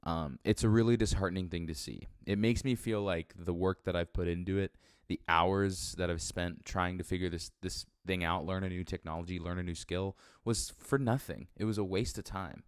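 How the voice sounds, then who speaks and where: A man's voice: deep voice, normal speed, few pauses, smooth, dry recording, clean studio sound. A man talking casually and unscripted, in a blunt, self-deprecating way with frequent swearing, recorded in a sparsely furnished room. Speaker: first-time solo podcaster or vlogger. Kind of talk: unscripted casual rambling monologue.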